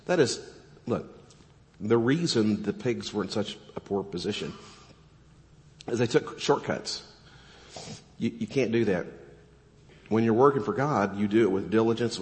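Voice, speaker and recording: A middle-aged pastor preaches with a somewhat low, hoarse voice that keeps breaking into coughs. He slips joking asides into earnest exhortation, and the sound carries a long reverb from the church hall. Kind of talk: sermon. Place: church sanctuary.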